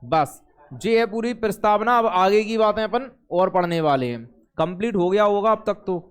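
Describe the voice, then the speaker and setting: A male teacher speaks in a classroom. His voice sits high and rings clear as he chats with his students, slipping joking asides in between passages he reads aloud. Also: moderate pace. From India.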